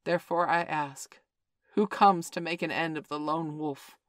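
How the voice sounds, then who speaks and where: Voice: mid-range voice, steady tone, measured pace, fairly bright tone, dry recording, clean studio sound, lightly acted. A reader voicing an old, proud male wolf leader who speaks formally and defiantly in a storybook read-aloud. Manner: formal, challenging, old-fashioned speech.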